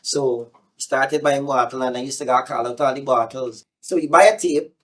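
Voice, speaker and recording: A middle-aged man with a Guyanese accent, a singer talking about his life in a relaxed, rambling way, full of fillers and restarts. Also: medium pitch, normal speed. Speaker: singer being interviewed. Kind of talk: casual interview storytelling.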